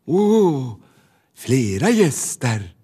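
A man voicing a gentle, cheerful female camel in a children's storybook, warm and unhurried. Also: mid-range voice, very animated, breathy edge, pitched above the performer's own voice. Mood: friendly. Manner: warm, slow and welcoming.

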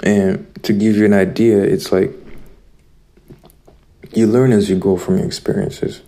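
A man's voice: lowish voice, little pitch movement, a little slow, vocal fry, warm tone. A man from Zimbabwe giving an earnest, preachy spiritual monologue straight to his listeners. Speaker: spiritual vlogger.

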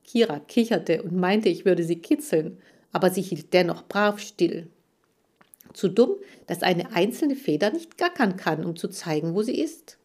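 A woman reading a children's story aloud as the audiobook narrator, with a lively, expressive delivery. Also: lowish voice, slightly rough.

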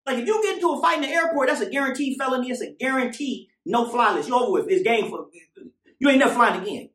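A man's voice: very high voice, lively intonation, fast, a bit bright. An American man preaching like a doomsday street preacher, urgent, repetitive and colloquial, mixing scripture with informal commentary. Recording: echoey room.

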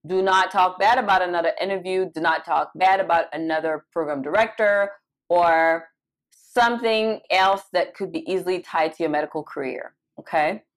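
A young adult woman from Cameroon coaching doctors for residency interviews in a live Q&A, animated and emphatic, repeating points for stress. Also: fairly low pitch, normal speed. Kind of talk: live Q&A session.

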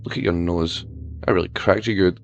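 A menacing young girl who mocks and threatens with scorn, as a male storyteller puts her on. The voice sits low and comes out as a gravelly growl. The recording sounds dull and lo-fi. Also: steady tone, brisk. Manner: growling, mocking.

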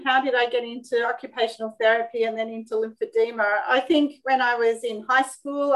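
A woman from Sydney in her fifties with an Australian accent, answering interview questions over a video call. Her voice sits a little high, and she talks in a measured, friendly way, pausing with small ums as she gathers her thoughts. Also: rough recording. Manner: warm, measured, with frequent ums. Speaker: occupational therapist guest. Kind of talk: interview conversation.

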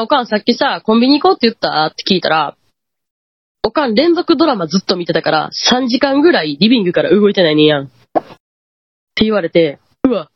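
Kansai woman guest, husky, lively pitch, muffled dry lo-fi call audio, animated ghost-story teller. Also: no echo. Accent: Kansai Japanese. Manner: animated, acts out quoted lines. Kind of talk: casual ghost-story telling.

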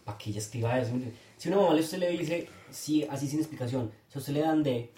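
A man's voice: on the high side, fast talker, dark tone. A man hosting a casual podcast, talking emphatically and piling up rhetorical questions. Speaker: podcast host. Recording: roomy, distant mic, faint noise.

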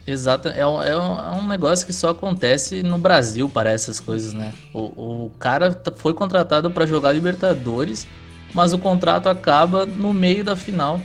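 A man with a gaúcho accent talking casually about sport in a relaxed conversation. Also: on the high side, moderate pace. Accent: southern Brazilian, gaúcho. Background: music under the talk.

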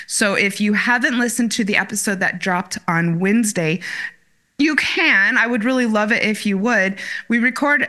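A woman's voice: mid-range voice, bright, forceful tone. A woman hosting a podcast in a casual, chatty style. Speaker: podcast host. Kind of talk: casual hosted chat.

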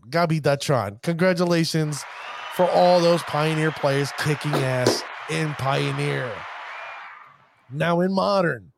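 A man with a slightly high voice and vocal fry hosts a card-game show for a podcast. His casual, hyped-up patter comes with showman flourishes and botched player names.

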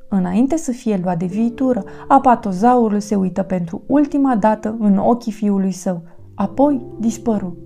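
Reading a children's storybook as narrator, a woman with a mid-range voice and some vocal fry tells the story expressively and lively, with faint music in the background.

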